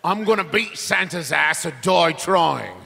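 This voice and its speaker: A man's voice: fairly high pitch, lively intonation, a little slow, gravelly, pushed and bright, exaggerated voice. A man voicing a rowdy, reckless drunk brawler in a dopey, cartoonish bellow for a tabletop game. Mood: rowdy, defiant. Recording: hall-like reverb on the voice.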